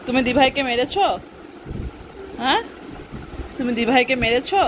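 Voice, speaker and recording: High-voiced mom coaxing her kids. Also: animated, moderate pace. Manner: coaxing and repetitive with her children, chatty aside to viewers. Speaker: mother and home vlogger. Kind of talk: casual home vlog, talking to her children and viewers. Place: at home, indoors. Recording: noisy home recording with vehicle sounds.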